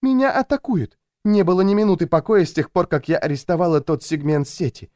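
A man voicing a frazzled, jumpy woman who feels hunted, speaking in a high, plaintive, complaining tone. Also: brisk, darkish tone, no room sound, studio quality, lightly acted.

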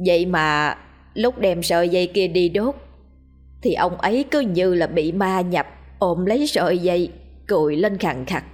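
A woman's voice: fairly low pitch, normal speed, a little mellow, faint music behind, natural voice. A woman voicing a grieving village wife who pleads with the elders humbly and tearfully. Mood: recounting.

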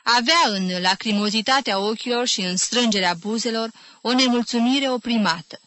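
Audiobook narrator, female, measured and clear; bright voice, dry recording. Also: on the high side, dry recording. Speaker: audiobook reader.

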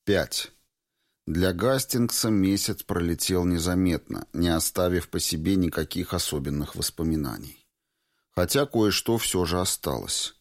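Audiobook narrator, male, low voice, calm storytelling, animated intonation. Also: a little slow.

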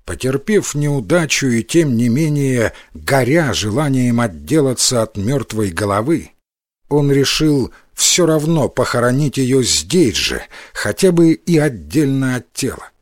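A man narrating a folk tale in a scripted, expressive storytelling manner. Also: medium pitch, unhurried, no echo, studio quality.

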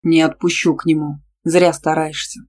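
A woman's voice: level tone, normal speed, darkish tone. Domineering young man, curt and menacing, read by a woman narrator. Audiobook. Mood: stern. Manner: curt, low and threatening. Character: possessive, domineering young male gym teacher.

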